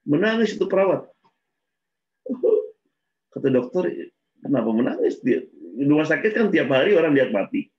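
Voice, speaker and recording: A man's voice: a little high, big pitch swings, moderate pace, long pauses. A man preaching in a casual religious talk, telling stories and acting out the dialogue with a laugh between points. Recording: dull lo-fi recording.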